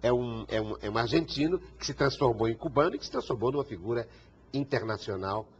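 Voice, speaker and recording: A man's voice: mid-range voice, expressive, fast talker, husky. A man hosting a TV interview show, introducing and questioning his guest; he rambles and stumbles over repeated words. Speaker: TV talk show host. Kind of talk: TV interview conversation. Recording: dull TV broadcast sound with faint hiss.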